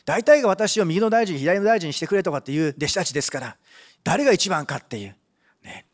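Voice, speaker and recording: A man's voice: high-pitched, quick pace. A man preaching a sermon as pastor, retelling a Bible story and reading scripture aloud, often adding a questioning "ne". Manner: animated, with frequent rhetorical "ne" and Bible reading.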